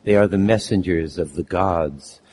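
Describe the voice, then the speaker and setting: A man with a lost, hoarse voice introducing and reading his text at a live poetry event, halting with many fillers. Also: low voice, mellow. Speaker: poet reading his work.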